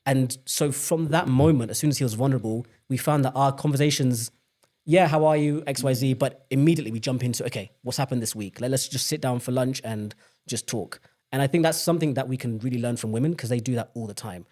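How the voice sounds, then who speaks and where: Young man from the UK, quick talker, candid guest, reflective storytelling. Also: medium pitch, darkish tone. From United Kingdom. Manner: open, reflective storytelling with many restarts. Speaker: podcast guest. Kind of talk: candid personal conversation.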